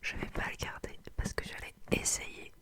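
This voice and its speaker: A woman whispering softly in a casual, candid ASMR product review, chatting as she presents unboxed beauty items. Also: moderate pace. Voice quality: soft unvoiced whisper. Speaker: beauty box unboxing host.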